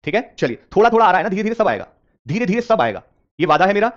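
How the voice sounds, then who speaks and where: Fast-talking man teaching reasoning. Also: high voice, big pitch swings, dull audio. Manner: repetitive, coaxing, mixes English terms. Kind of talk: live online class teaching.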